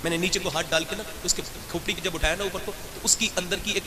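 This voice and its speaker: A man preaching an emotional sermon at a religious gathering, swinging from loud impassioned calls to hushed pleading and acting out the dialogue of his stories. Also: sits high, steady tone. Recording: live sermon with crowd noise.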